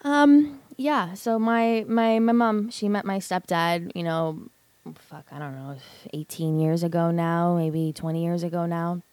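A young woman in her twenties talks into a close, dry mic, telling a personal story on her podcast. Her voice sits a little low and sounds dark and mellow. She rambles candidly and swears often. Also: fairly even intonation, unhurried, dry recording. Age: 20s. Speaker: podcast host.

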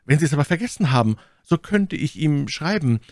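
Brief: sardonic aristocrat, read by a male narrator, dry close sound, calm menace. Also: a little high, no echo, pitched above the performer's own voice. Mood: ironic. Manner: coolly sarcastic, measured threats. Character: cold, mocking English lord, calm and menacing. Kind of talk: audiobook character reading.

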